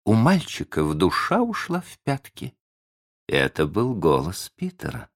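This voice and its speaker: A man narrating a children's story in an expressive, animated audiobook reading. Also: lowish voice. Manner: animated storytelling, slow and deliberate.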